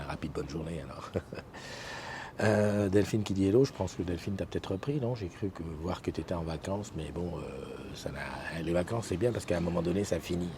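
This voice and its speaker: A man with a very low voice hosts an easygoing live morning stream and chats to his viewers. He talks haltingly, with constant fillers and restarts. The recording is noisy, with passing vehicles clearly audible behind him. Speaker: morning show host. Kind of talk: casual live-stream chat, reading viewer comments. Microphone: desk microphone.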